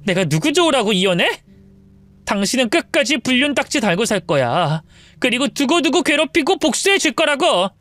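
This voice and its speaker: A woman's voice: sits high, sing-song, moderate pace, a bit bright, no room sound, voice pushed up. A woman voicing a betrayed wife who confronts her cheating husband. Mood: furious. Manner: indignant, pleading. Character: wronged wife with a limp, shaken and furious.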